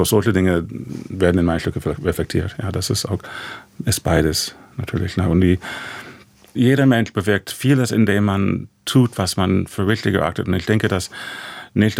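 A man with an American accent, a composer speaking German as a second language, answering in a halting, reflective way with many fillers. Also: low voice, creaky, a little mellow, no echo. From USA. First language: English. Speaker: composer guest. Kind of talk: reflective radio interview answers.

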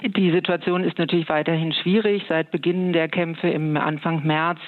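Flat-voiced woman on a phone line. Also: low-pitched. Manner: measured, calm, frequent hesitations. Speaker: interviewed expert. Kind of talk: remote interview answers.

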